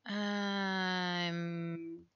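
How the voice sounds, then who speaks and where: Drawing on stream, the woman murmurs short, casual fragments of thought in a lowish, fairly bright voice. Her delivery is flat and very slow, and her tone is clean, though the sound is lo-fi.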